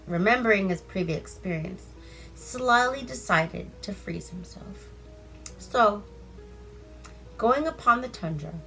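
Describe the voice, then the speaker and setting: The audio is poor, but her medium-pitched, fairly bright voice comes through as she reads bedtime folk tales. She is a storyteller from Alaska's Seward Peninsula, irreverent and chatty, breaking off to comment while music plays in the background.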